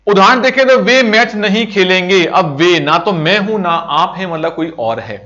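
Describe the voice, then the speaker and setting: High-voiced man teaching grammar. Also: normal speed, bright, forceful tone. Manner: explains step by step, repeats terms and examples. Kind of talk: grammar lesson over slides. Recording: dull lo-fi recording.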